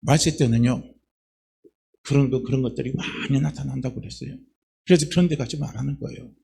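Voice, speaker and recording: A man pastor preaching a sermon in a church, with rhetorical questions and repeated phrases, building to loud emphatic passages. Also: mid-range voice, fairly even intonation, a little fast, gravelly. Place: church sanctuary.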